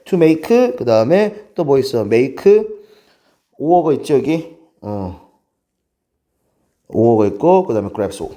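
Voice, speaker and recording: A man's voice: mid-range voice, sing-song, slow pace, pauses often, mellow. A man teaching English grammar in a lecture, keeps checking in with the class through rhetorical questions.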